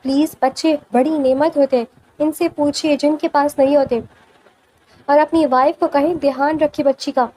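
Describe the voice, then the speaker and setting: A woman's voice: high voice, steady tone, warm tone, natural voice, rough recording. A woman doing a stern lecturing doctor. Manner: lecturing, firm.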